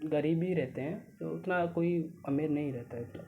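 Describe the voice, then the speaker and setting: A young man from Odisha, a student guest, talking casually and haltingly, often restarting his sentences. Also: a little high, vocal fry. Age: young adult. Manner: hesitant, restarts often, mixes in English words. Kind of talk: casual conversation. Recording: phone-like lo-fi audio with faint noise.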